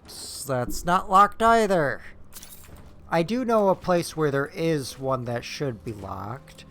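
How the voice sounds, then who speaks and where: A man's voice: a little high, lively intonation, slow, a bit bright, a little hiss or hum. A man giving casual, rambling gameplay commentary as a streamer, with offhand asides, close on the microphone. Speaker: game streamer. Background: game music.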